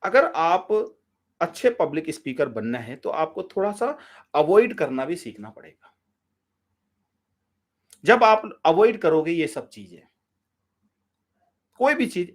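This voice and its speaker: A man coaching public speaking live, with a voice that sits somewhat high for a man. He talks energetically and directly and gives one instruction after another. He speaks to his listeners as friends.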